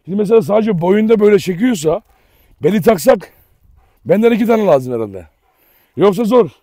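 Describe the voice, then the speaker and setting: A man's voice: high voice, expressive, fairly quick, dark tone. A man hosting a casual outdoor dog vlog, coaxing his dogs and talking to viewers by turns. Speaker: dog owner and channel host.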